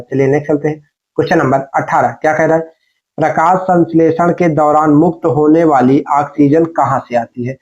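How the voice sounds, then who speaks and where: A man with a slightly high, darkish voice teaches like an exam coach, working through questions and answers instructionally and repeating them with rhetorical prompts. The microphone sound is dull and lo-fi.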